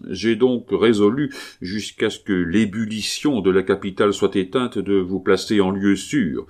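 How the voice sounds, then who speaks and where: A man reading a stern, measured police chief. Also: fairly low pitch, darkish tone. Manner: severe, measured, authoritative. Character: stern cunning middle-aged police chief.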